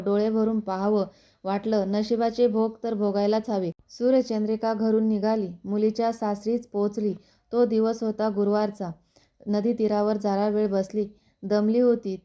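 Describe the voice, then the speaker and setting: A woman reading a devotional folk story aloud in a steady, unhurried recitation. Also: mid-range voice.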